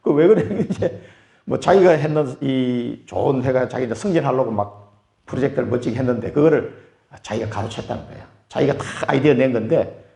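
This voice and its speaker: A man's voice: mid-range voice, a little fast, gravelly. A middle-aged man preaching a sermon as a pastor, telling a personal story and acting out both sides of a conversation. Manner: animated, storytelling, acts out both sides of a dialogue. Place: church sanctuary. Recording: echoey church hall.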